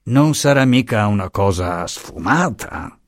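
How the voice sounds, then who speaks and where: A man's voice: on the low side, animated, dry recording. A man voicing a sly, fawning older man who coaxes secrets with honeyed, insinuating talk. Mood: coaxing. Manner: honeyed, coaxing, slow and insinuating.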